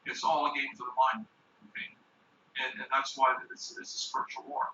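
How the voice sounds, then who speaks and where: A man's voice: mid-range voice, little pitch movement, fairly quick, sharp tone, slight background noise. A man giving an informal lecture to a group, rambling with restarts and frequent "okay?" check-ins. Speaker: speaker teaching a group. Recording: distant, dull, echoey room.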